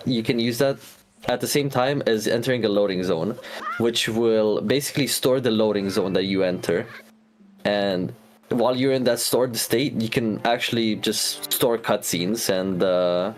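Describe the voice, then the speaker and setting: A man commentating a speedrun, explaining glitches at length with many fillers and restarts. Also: lowish voice.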